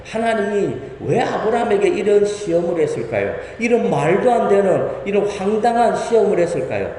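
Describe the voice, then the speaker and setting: Impassioned pastor in a reverberant church. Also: male voice, sits high, very animated, normal speed, dark tone. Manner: impassioned, rhetorical questions to the congregation. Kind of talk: sermon. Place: church sanctuary. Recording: echoey church hall reverb, faint room noise.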